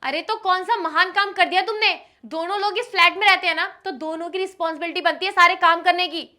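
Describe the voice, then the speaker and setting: An actress playing a quick-tempered young woman arguing with her live-in partner, sharp and scolding. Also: very high voice, fairly even intonation. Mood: angry. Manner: sharp, scolding, turns to pleading. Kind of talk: scripted short-film acting.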